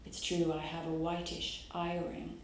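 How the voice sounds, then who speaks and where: A Dublin poet's voice sits low and stays monotone as she muses about her work with hesitant fillers, then reads her poems at a live event in a heavily echoing room.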